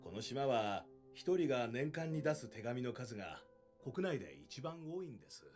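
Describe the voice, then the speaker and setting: A man's voice: medium pitch, sing-song, fast talker, close to an everyday voice. A man playing a friendly, polite island local in an anime film. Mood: warm, proud. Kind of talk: Japanese anime film acting. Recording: quiet film audio with guitar music.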